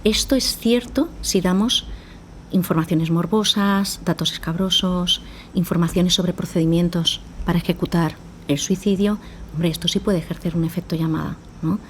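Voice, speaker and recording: Woman psychologist, lowish voice, explanatory, faint background noise. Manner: explanatory, acts out dialogues with parents. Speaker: psychologist guest. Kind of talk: podcast interview.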